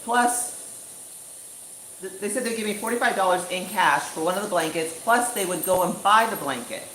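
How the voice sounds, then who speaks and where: A woman's voice: medium pitch, normal speed, a little hiss or hum. Chatty woman vlogger in an echoey room. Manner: chatty, animated, full of fillers like "you know" and "like". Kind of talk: casual storytime vlog. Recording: echoey room with faint ambience.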